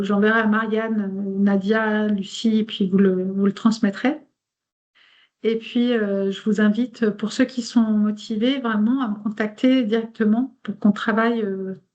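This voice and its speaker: Speaking French though German is her first language, a woman presents informally in an online meeting, reading some of it aloud from a text. She hesitates a lot, with frequent fillers and restarts. Her voice is mid-range, and the audio sounds dull.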